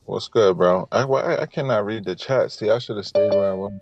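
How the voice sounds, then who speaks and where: A man's voice: lowish voice, fairly quick. A man hosting a casual livestream, chatting loosely with lots of swearing and laughter. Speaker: stream host. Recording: dull lo-fi mic, music behind.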